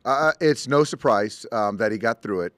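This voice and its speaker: A middle-aged man, a baseball manager, answering postgame press conference questions in a measured, halting way with many ums, at a table mic. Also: medium pitch, lively intonation, a bit bright, dry recording. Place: press conference room, indoors. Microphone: table mic in front.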